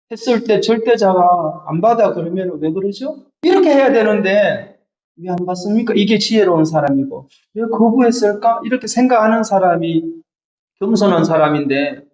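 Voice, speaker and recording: Pastor preaching in an echoey church. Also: male voice, high-pitched, a little mellow. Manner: colloquial, asks the congregation constant rhetorical questions. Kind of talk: sermon. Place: church sanctuary. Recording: echoey church hall, distant mic, dull sound.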